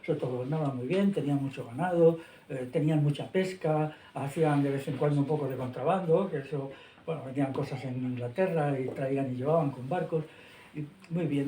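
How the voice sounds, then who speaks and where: A man's voice: fairly high pitch, warm tone, slight background noise. A man gives a rambling spoken history lecture and often tags his points with questions. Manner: discursive, frequent tag questions. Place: lecture hall at a school. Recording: echoey room, faint ambience.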